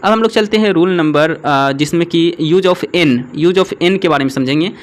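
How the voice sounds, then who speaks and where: Male tutor, pitched a bit high, a patient explainer who asks questions, runs a grammar lesson. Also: moderate pace. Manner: repeats "ठीक है" and poses questions to the learner. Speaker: English grammar teacher. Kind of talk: classroom-style grammar lesson.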